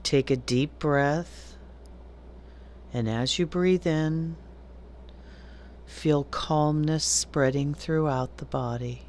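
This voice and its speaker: A woman teaching yoga nidra, giving calm, deliberate guided meditation instructions with long pauses between phrases. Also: low voice, slight background noise.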